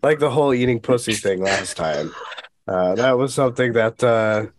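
A man's voice: mid-range voice, expressive, moderate pace, noisy background. A man co-hosting a book podcast, chatting casually with jokes and loose fillers. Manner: jokey, rambling, with fillers. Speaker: podcast co-host. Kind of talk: casual chat.

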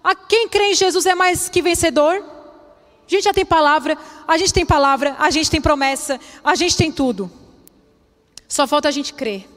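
A woman's voice: high-pitched, normal speed, fairly bright tone. A middle-aged woman, preaching a chatty, humorous sermon to women and acting out quotes. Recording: long hall reverb.

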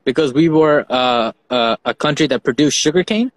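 A man's voice: mid-range voice, moderate pace, no room sound, low-quality recording. A man from Fiji hosting a casual chat, rambling and repeating words as he talks, swearing now and then. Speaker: host.

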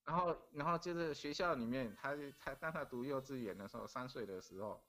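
A man's voice: medium pitch, brisk, fairly bright tone. A middle-aged man from Taiwan. He is a podcast guest telling a story casually and earnestly, repeating phrases as he goes. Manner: earnest, repeats phrases while recounting events.

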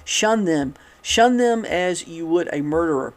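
An earnest male orator from the old labor movement, begging an angry crowd for calm in a loud, imploring voice, as a man reading a newspaper story puts him on. His tone sits high and presses forward with feeling. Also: a little slow. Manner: louder and raised in pitch, earnest and imploring. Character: impassioned male labor orator pleading with a mob.

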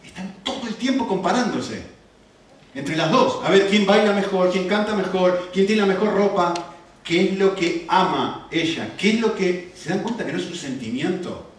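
A man's voice: sits high, normal speed. A middle-aged man with an Argentine accent preaching a sermon, telling stories and firing off rhetorical questions. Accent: Argentine Spanish. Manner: animated storytelling with rhetorical questions. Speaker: pastor. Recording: echoey room, far from the mic.

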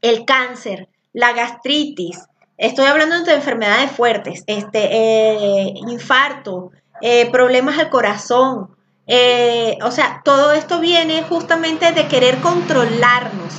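A woman with a Venezuelan accent teaching an online group session, talking fast, loud and a little rushed. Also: a little high, highs cut off, a little hiss or hum. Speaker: spiritual workshop teacher.

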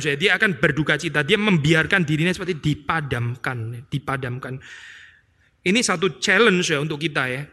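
A man's voice: on the high side, pushed and bright. A male pastor preaching an expository sermon in a conversational way, tagging his sentences with little asides to the congregation. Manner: conversational preaching with frequent "ya" and "saudara" tags. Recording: long hall reverb.

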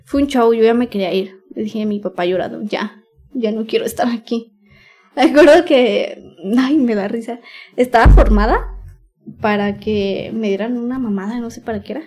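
A young woman with a Mexican accent shares a personal story on a podcast. Her voice sits slightly high, and she talks frankly in slang, with plenty of fillers and nervous little laughs. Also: a little fast, darkish tone. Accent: Mexican Spanish. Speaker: podcast guest.

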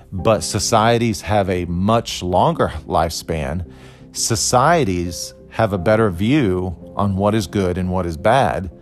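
A man in his forties, from Costa Rica, explaining a philosophy idea in a thoughtful, conversational lecture with restarts and fillers. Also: sits low. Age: 40s.

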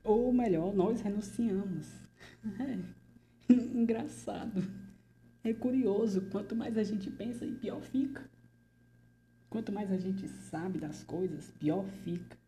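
A woman's voice: medium pitch, measured pace, warm tone, slight background noise, lightly acted. A woman playing a frightened male artist under interrogation, who stammers nervously and slips into whispers in a theatrical monologue. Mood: anxious.

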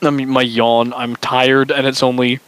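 A man's voice: medium pitch, flat delivery, normal speed, a bit bright, smooth, low-quality recording. A young man co-hosting a casual streamed chat, joking and swearing playfully. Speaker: podcast co-host.

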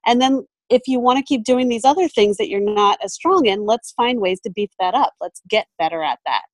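This podcast guest, a woman photographer and mentor, chats casually and thoughtfully, using many ums and restarting often. Her voice is fairly high and animated, moving fairly quickly, and there's no echo.

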